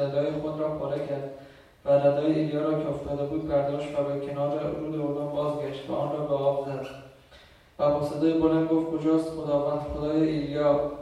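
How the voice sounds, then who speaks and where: A man reading scripture aloud in church, slow and measured, with small slips he corrects. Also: fairly high pitch, mellow. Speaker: scripture reader. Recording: echoey hall from far off.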